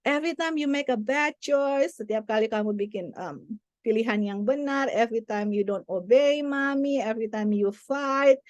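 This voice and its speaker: Brief: mother sharing a testimony, earnest and repetitive, fairly high voice, dry close sound. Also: no room sound.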